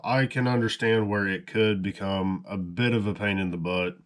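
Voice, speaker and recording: Low-voiced man vlogging outdoors. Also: fairly even intonation, normal speed, dry recording. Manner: easygoing, chatty, explains as he goes. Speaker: hunting vlogger. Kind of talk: casual outdoor vlog narration. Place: outdoors in a rural field. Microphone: action camera.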